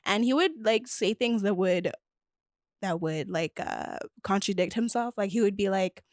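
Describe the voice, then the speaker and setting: A woman in her twenties, a podcast guest telling a dating story in a casual, animated way, laughing often and quoting people. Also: medium pitch, a little slow, no room sound, clean studio sound.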